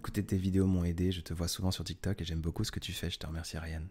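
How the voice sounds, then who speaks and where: A man hosting a casual live stream, reading viewers' messages aloud and answering in a soft, hesitant way with many fillers. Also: deep voice, little pitch movement, rapid-fire, music in the background. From France.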